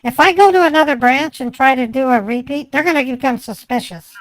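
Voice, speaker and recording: A man's voice: very high-pitched, fairly quick, a bit bright, dry recording, pitched above the performer's own voice, poor audio. A man putting on the voice of a stubborn, irritated woman bank customer who argues insistently and keeps repeating herself in an improvised phone prank.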